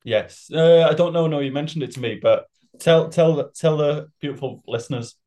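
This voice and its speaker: A man's voice: on the high side, moderate pace, dark tone. A man co-hosting a casual podcast, laid-back, laughing along and swearing his way through channel plugs. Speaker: podcast co-host.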